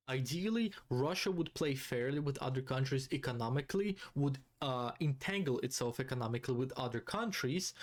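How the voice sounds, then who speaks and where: A male streamer with a voice a bit higher than most men's delivers a casual rant. He swears freely and leans on key phrases, repeating them for emphasis. The delivery is opinionated and conversational. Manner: foul-mouthed, emphatic, repeats phrases for stress. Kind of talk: casual political rant commentary.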